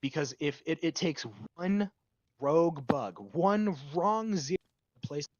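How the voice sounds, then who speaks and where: A man's voice: on the high side, unhurried, no room sound, dull audio. Ranting young guy, dry close mic. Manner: rambling, profane, bursts of loud ranting. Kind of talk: casual chat.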